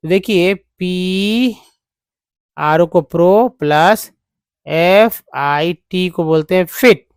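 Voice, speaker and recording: Male tutor for beginners, drawn-out teaching delivery, smooth voice, dry close mic. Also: high voice, dry recording. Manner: drawn-out, repeating each word for the learner. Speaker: English teacher. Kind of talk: slow spelling-out lesson.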